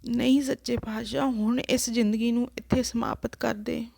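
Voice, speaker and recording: A woman's voice: a little high, steady tone, moderate pace, creaky, warm tone, no echo, clean studio sound. A woman voicing a dying old soldier who earnestly begs for forgiveness. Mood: imploring. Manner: earnest, imploring. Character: dying old male soldier pleading for pardon.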